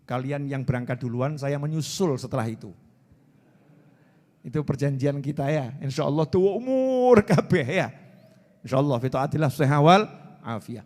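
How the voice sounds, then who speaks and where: High-voiced preacher man in a reverberant hall. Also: expressive, moderate pace, darkish tone. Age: 40s. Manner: playful, repeats words for emphasis, teases the audience. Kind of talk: sermon.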